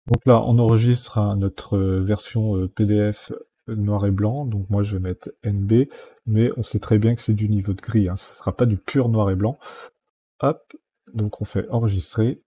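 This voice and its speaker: A man hosting a screen-recorded software tutorial, explaining each step plainly with many small fillers. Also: fairly low pitch, fairly even intonation, normal speed, husky.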